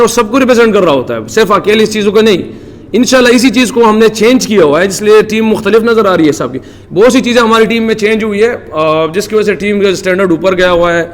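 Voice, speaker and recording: At a press conference, a cricketer from Pakistan responds earnestly and devoutly, his answers full of religious phrases. The high-pitched voice carries the sound of a big room.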